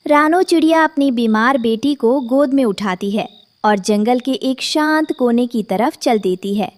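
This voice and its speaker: A woman narrates a children's moral story in a gentle, instructive tone. Her voice is high and she speaks slowly, giving each phrase room. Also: slight background noise. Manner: gentle, didactic.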